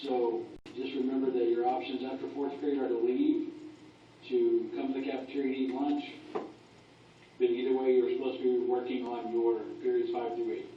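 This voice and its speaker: A man making a staff announcement over a school intercom loudspeaker, in an even announcing manner. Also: medium pitch, moderate pace, distant mic, slight background noise. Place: classroom, heard through a wall speaker. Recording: echoey, muffled loudspeaker in a classroom.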